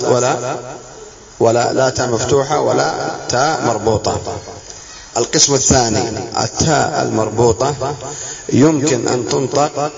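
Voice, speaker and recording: A man's voice: medium pitch, gravelly. Male teacher quizzing a noisy class. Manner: slow, repeating examples and quizzing students. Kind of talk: classroom lesson on spelling. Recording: echoey classroom, dull sound, students around.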